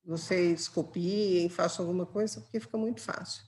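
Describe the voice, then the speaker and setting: A woman's voice: fairly low pitch, fairly even intonation, moderate pace, a little mellow. A woman with a Brazilian Portuguese accent teaching grammar for an exam, patiently explaining with examples and checking in with her students. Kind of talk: exam-prep grammar lesson.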